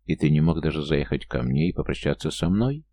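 A man's voice: a bass voice, animated, brisk, mellow. A man voicing a desperate male investigator who pleads with a woman on the phone. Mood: pleading.

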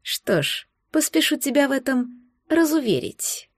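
A woman voicing a smug, cruel male sorcerer in an audiobook, speaking in a honeyed, sneering, deliberate way. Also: high-pitched, big pitch swings, no echo, studio quality. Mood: menacing. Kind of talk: audiobook character voice.

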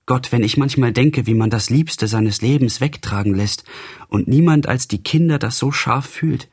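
Man voicing a tender young woman, soft and earnest, husky tone, audiobook reading. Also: medium pitch, normal speed, voice pushed up. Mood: wistful, earnest.

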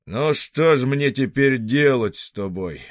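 A man voicing a gruff, bald, middle-aged bookbinder who scolds in coarse folk speech. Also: mid-range voice, lively intonation, measured pace, no echo, clean studio sound, voice pushed up, natural voice. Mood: scolding.

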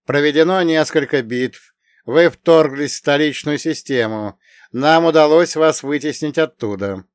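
A man's voice: on the high side, a little slow, no echo, pitched above the performer's own voice. A man voicing a defiant military commander who speaks in firm, blunt declarations.

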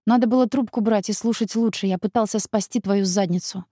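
A woman's voice: mid-range voice, fairly quick, mellow, husky, no room sound, studio quality, close to an everyday voice. A woman reading an audiobook, voicing a jealous, angry young man who accuses his rival. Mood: scornful. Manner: heated, accusing.

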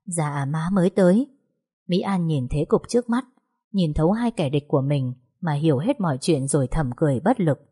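Woman reading a story, lowish voice, steady. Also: a little fast, husky. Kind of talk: storybook narration.

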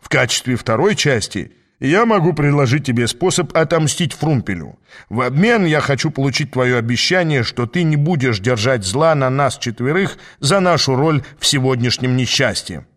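Guy doing a slick smug demon, fast-talking and lifted a bit above his own voice, storybook reading. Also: medium pitch, lively intonation, fairly bright tone, close to an everyday voice. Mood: persuasive. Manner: glib, persuasive, haughty. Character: cocky scheming male demon, smooth talker. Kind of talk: audiobook character reading.

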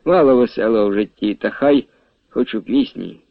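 A gentle old blind minstrel, as a male narrator puts him on, who speaks in a soft, fatherly way. The recording is dull and dry, like old radio. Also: lowish voice, normal speed, creaky, no echo. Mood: warm. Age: older.

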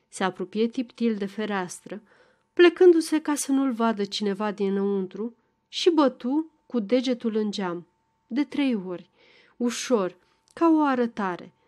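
A woman with a fairly high voice narrating an audiobook. She reads at a measured, even pace in a calm storytelling manner. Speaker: volunteer audiobook reader. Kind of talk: audiobook narration of a classic novel.

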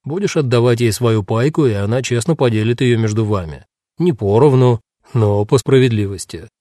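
A man's voice: medium pitch, moderate pace, dark tone, no room sound, studio quality, lightly acted. A man voicing a crude, swaggering male prisoner who mocks everyone in coarse slang. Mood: mocking.

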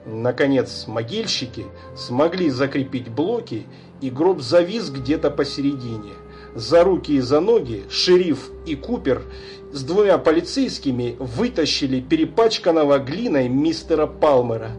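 A man narrating an audiobook in a measured, unhurried reading. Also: mid-range voice, expressive, a little mellow, faint music behind. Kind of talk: scripted narration.

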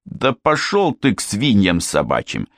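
A man voicing an irritable, blustering middle-aged father in an audiobook, speaking gruffly and snapping. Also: low voice, measured pace, no room sound, studio quality. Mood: angry.

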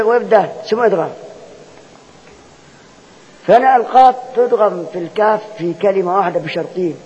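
A man's voice: sits high, a little mellow, slightly rough. A man with an Egyptian Arabic accent, teaching Quran recitation rules as a lecture, who keeps posing rhetorical questions and repeating each point to drill his students. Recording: dull lo-fi sound with long hall reverb.

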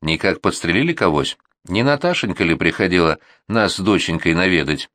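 A forsaken old woman murmurs her sorrows softly and plaintively, as a male narrator puts her on. The voice lifts high over a low base, recorded dry and close. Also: animated, a little fast, dry recording. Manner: soft, plaintive. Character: lonely grieving old woman.

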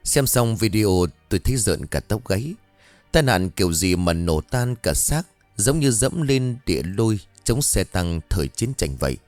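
Low-voiced male horror storyteller. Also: dry recording. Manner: dramatic storyteller. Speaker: narrator.

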